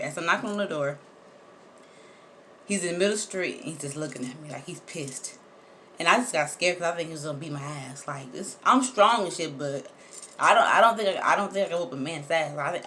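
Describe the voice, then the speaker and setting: Animated low-voiced woman telling a story. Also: slight background noise. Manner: animated, emphatic, repeats words for effect, swears casually. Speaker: vlogger. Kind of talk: personal storytelling to viewers.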